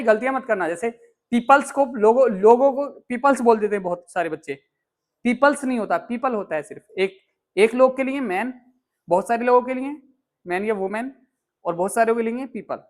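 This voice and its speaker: Joking, scolding male classroom teacher. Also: extremely high pitch. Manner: scolding, joking with students, repeats English words slowly. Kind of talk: classroom grammar lesson. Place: indoor classroom.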